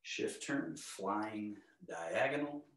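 Calm man giving tai chi cues, echoey room. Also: lowish voice. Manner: calm, serene, measured cueing. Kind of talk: live movement lesson, step-by-step cues. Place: indoor home living area. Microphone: camera across the room. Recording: echoey room, distant microphone.

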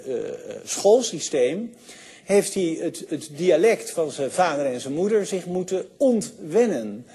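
An older man giving a university lecture, enthusiastic, often pausing with fillers and restarting his sentences. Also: on the high side, dark tone, slightly rough. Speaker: sociology lecturer.

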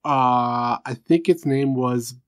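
A man's voice: medium pitch, slow, no room sound, clean studio sound. A man co-hosting a casual true crime podcast, making laid-back jokes and side remarks. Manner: joking asides, laid-back banter. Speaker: podcast co-host.

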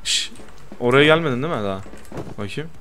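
A young man doing lively gameplay commentary, teasing his friend and protesting loudly to his viewers. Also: mid-range voice, fast, faint music behind. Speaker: gaming YouTuber.

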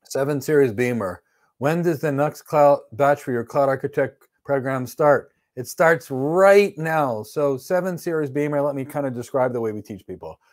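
Speaking at a moderate pace in a mid-pitched voice, a middle-aged networking instructor leads a live-stream Q&A class. He's blunt and emphatic, handling each question matter-of-factly from an indoor studio with a virtual backdrop, the camera framing him at chest height.

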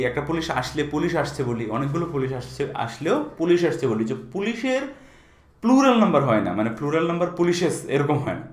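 A man's voice: fairly high pitch, reverberant. A male teacher giving a patient grammar lesson, checking in often with his students. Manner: explains patiently, checks in with repeated questions. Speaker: English teacher.

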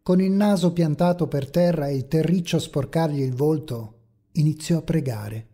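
A man narrating a horror story in a measured, ominous way. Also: fairly high pitch. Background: faint dark ambient music.

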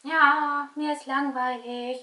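Woman doing a high, childlike sock puppet. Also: slow, full character voice. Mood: bored, plaintive. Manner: plaintive, childlike, excitable. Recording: roomy home recording.

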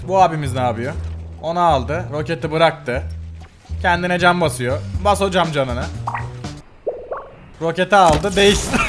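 Man, high voice, lively pitch, laughing game commentary, repeats himself, loud background music. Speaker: gaming video host. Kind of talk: casual commentary over game clips.

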